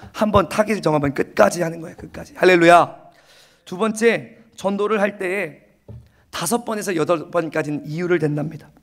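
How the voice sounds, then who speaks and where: Male pastor, slightly raised pitch, emphatic and repetitive sermon delivery, church setting. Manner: emphatic, repeats phrases, acts out excuses in quick asides. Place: church sanctuary.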